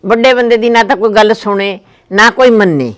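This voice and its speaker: Man voicing an old grandmother, high voice, plaintive, nagging, family skit. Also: moderate pace, close to an everyday voice. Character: elderly village grandmother, missing her daughter. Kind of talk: family comedy skit acting.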